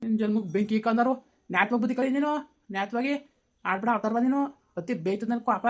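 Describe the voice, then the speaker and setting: Fast, scolding village woman, as a woman acts her out. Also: on the high side, natural voice. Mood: quarrelling. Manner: scolding, rapid-fire, cursing. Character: quarrelsome rural woman in a family feud. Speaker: actor in a village family skit. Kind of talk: amateur comedy skit acting.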